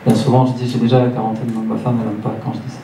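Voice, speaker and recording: A male pastor with a mellow, medium-pitched voice preaches a Pentecostal sermon to a congregation in a church hall, delivering it flatly and very fast, with pauses. He is didactic and keeps repeating phrases for emphasis. The distant mic captures a roomy church sound and faint noise.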